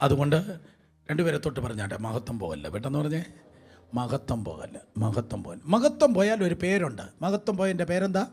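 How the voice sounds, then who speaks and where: A man delivers a sermon before a congregation with a voice pitched a little high, swinging widely up and down. He calls out for the crowd to repeat phrases and drops English words into his speech. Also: big pitch swings, fairly quick, darkish tone, slightly rough. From India. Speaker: preacher.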